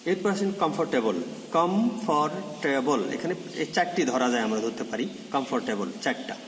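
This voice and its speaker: A man teaching English grammar, repeating example words slowly and stressing them. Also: mid-range voice, expressive. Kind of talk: recorded grammar lesson. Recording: echoey room with long reverb, faint ambient hiss.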